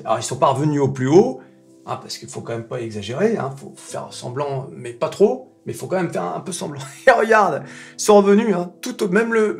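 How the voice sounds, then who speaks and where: Gravelly-voiced man joking through market commentary. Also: medium pitch. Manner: animated, joking, with mock-dramatic exclamations; talks familiarly to his audience. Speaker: stock market video host. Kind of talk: casual market commentary to viewers.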